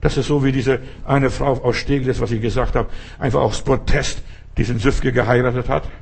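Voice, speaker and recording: A man's voice: mid-range voice, fairly even intonation, moderate pace, creaky, a little mellow, husky. A man preaching a sermon in a storytelling way, talking straight to his listeners and often asking whether they follow. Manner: storytelling, addresses listeners directly, frequent rhetorical questions.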